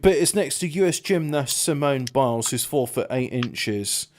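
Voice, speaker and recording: A man from Belgium, a podcast co-host, bantering crudely and excitably, laughing often. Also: mid-range voice, moderate pace.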